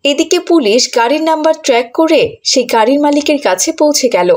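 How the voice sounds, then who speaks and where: High-voiced woman narrating a cartoon. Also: expressive, fast, darkish tone. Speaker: narrator and voice of the mother.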